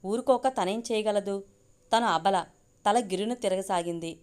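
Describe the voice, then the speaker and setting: A woman telling a story aloud in an even, steady way. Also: medium pitch, a little slow, smooth.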